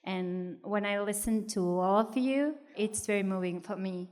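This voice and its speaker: A woman sharing her experience in a live group discussion, earnest and halting as she searches for words. Her voice carries the long reverb of a conference hall. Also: mid-range voice, a little mellow. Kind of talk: personal testimony in a group discussion. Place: conference room at a live event.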